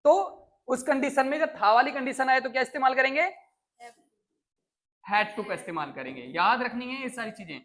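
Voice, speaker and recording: A woman's voice: sits high, normal speed, fairly bright tone. Woman classroom teacher, quizzing kids and drilling example sentences. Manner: questions pupils and repeats example sentences. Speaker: English teacher. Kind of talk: classroom lesson explaining English grammar. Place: school classroom with children.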